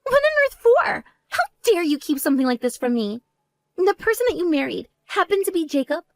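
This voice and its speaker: A woman's voice: sits high, expressive, fairly quick, a little mellow, dry recording, voice pushed up. A woman voicing a spoiled, vain younger sister who boasts and taunts indignantly in a voiced story. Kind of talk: voiced text story dialogue.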